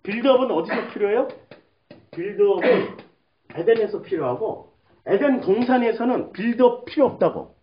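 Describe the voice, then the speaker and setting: A woman's voice: medium pitch, expressive, normal speed. A woman pastor preaching a sermon in a blunt, colloquial way, asking the congregation rhetorical questions. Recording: dull lo-fi recording.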